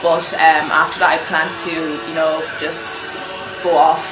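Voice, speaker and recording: A woman's voice: deep voice, monotone, unhurried, roomy sound, music in the background, rough recording. A nineteen-year-old woman from Nigeria, a fashion blogger answering interview questions casually, with lots of "um" and "you know". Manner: chatty, many fillers like "um" and "you know".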